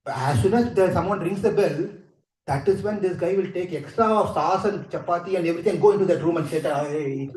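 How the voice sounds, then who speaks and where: Guy giving a lively scripture talk, acts out the stories, high voice, echoey hall. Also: a little fast. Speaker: spiritual speaker.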